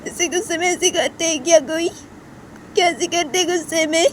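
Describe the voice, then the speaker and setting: A woman's voice: very high-pitched, fairly quick, slight background noise, pitched above the performer's own voice. A woman voicing a hurt young woman who cries and scolds with repeated questions. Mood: tearful furious. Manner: sobbing, repetitive scolding questions. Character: hurt, tearful young woman, angry and unforgiving.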